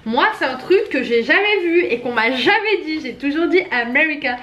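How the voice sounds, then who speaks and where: A woman's voice: high voice, expressive, moderate pace, fairly bright tone, muffled recording. A young adult woman, a student vlogger, chatting casually at home, hesitant and full of fillers. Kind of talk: casual chat to camera.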